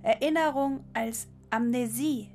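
A woman voices a cool, detached character in a radio drama who speaks in an even, distant way. Her voice sits somewhat high. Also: unhurried, soft background music, natural voice. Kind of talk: radio play dialogue.

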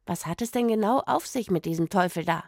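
A woman's voice: lowish voice, animated, fairly quick, no echo. A spirited young musician girl from a children's audio story, friendly and eager. A woman narrator voices her close to a dry mic. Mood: reassuring. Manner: reassuring, then rousing and cheerful.

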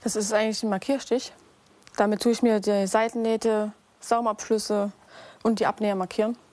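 A woman's voice: mid-range voice, flat delivery, normal speed, darkish tone. A 21-year-old woman apprentice answering interview questions, eager and a little hesitant.

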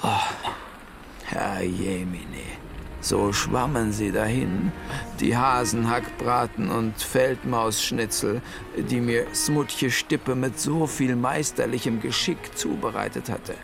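A man's voice: medium pitch, takes it slowly, creaky. A man doing a chatty old owl storyteller, over music. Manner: lively, playful storytelling. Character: chatty old male owl telling his tale. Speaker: first-person storyteller. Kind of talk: audiobook narration for children. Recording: music playing under the voice.

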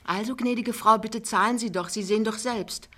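A woman's voice: fairly high pitch, moderate pace, sharp tone, pitched above the performer's own voice. A woman reading an audiobook, voicing a flustered male police officer with a stiff, insistent manner. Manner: stiff, insistent, then pleading.

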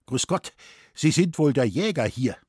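A man's voice: mid-range voice, animated, measured pace, darkish tone, husky, dry recording, studio quality, voice pushed up. A man voicing a naive, easily frightened city schoolmaster who speaks properly and stammers when shocked. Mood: anxious. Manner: fussy, stammering, proper speech.

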